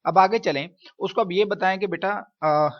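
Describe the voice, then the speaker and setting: A man's voice: high voice, dull audio. A man teaching Quran reading to other teachers, explaining step by step, checking in often and asking rhetorical questions. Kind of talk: instructional lesson for teachers.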